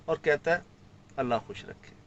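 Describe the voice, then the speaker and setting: The recording is muffled, and the man's voice sits a little high. He's a guest from Sindh, Pakistan, casually recounting a field trip with lots of energy, acting out what each person said.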